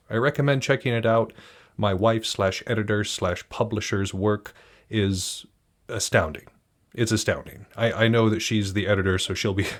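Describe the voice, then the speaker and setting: A man, hosting a podcast in a relaxed, rambling way with restarts and fillers. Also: low voice. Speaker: podcast host. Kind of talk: casual solo podcast talk.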